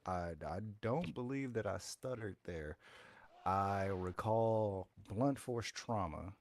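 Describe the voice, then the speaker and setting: A man playing a swaggering pro wrestler, delivering a deliberate, emphatic in-ring promo with drawn-out words. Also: lowish voice, slight background noise. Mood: confrontational. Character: swaggering male pro wrestler calling out the champion.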